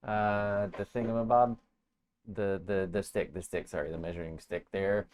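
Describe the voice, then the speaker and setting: A man playing a tabletop game, talking through his moves in a halting, thinking-aloud way. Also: lowish voice, steady tone, darkish tone, clean tone. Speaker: player. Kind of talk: casual tabletop game play.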